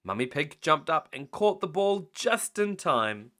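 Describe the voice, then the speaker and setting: Here a man performs a bedtime reading of a picture book, unhurried and full of expression, with animated rises and falls in pitch.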